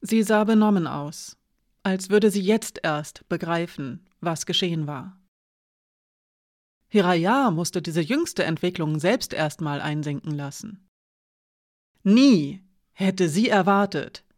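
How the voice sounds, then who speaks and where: An audiobook narrator reads a fantasy novel in a measured, steady way. The voice is mid-pitched and even. The recording is close and dry. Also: no echo.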